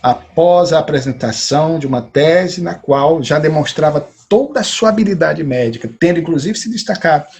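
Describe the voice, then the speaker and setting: A Brazilian-accented man lectures online, narrating a story with dramatic, expressive delivery. His voice sits fairly high for a man. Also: normal speed, gravelly, few pauses. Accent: Brazilian Portuguese.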